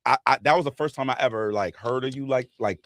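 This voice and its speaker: Fast-talking male podcast host. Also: medium pitch, fairly bright tone. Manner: fast, laughing storyteller. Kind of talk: casual chat.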